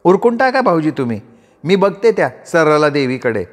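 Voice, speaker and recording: A man's voice: on the high side, big pitch swings, normal speed. A playful young sister-in-law, put on by a male storyteller in a raised, light voice with a teasing lilt. The voice sits in a reverberant room. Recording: roomy reverb.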